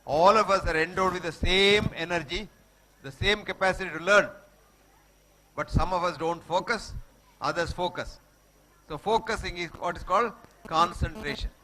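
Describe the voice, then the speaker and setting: Guy with telugu indian accent, high bright voice, giving kids a motivational talk, repeats his points a lot. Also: moderate pace, long pauses, low-quality recording. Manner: emphatic, repeats short maxims, checks listeners understood. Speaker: guest speaker addressing schoolchildren.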